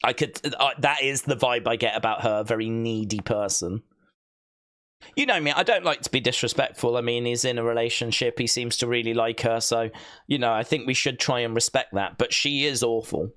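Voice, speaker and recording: A male livestream host chats loosely and a little fast with his viewers, as in a casual watch-along, rambling along with joking, deadpan asides. His voice is mid-pitched.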